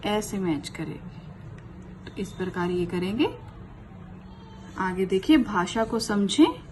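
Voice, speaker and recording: Slow, patient woman teaching small children. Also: medium pitch, animated, noisy background. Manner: slow, patient, repeats words for young children. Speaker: primary school teacher. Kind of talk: online class lesson.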